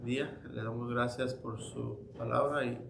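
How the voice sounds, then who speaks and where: Speaking at a moderate pace with fairly even intonation and some vocal fry, a medium-pitched man teaches church Sunday school. His informal teaching unfolds as conversational storytelling full of restarts and quoted anecdotes. The background is noisy, with faint ambience in an echoey church room.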